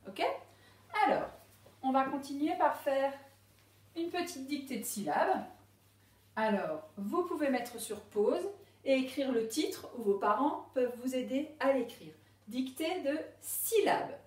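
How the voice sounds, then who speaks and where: A woman teaching a reading lesson to young pupils, speaking slowly and sounding out each syllable clearly. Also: high-pitched, animated. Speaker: primary school teacher. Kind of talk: slow classroom reading lesson. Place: classroom with a board. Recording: echoey room, voice a bit far from the mic.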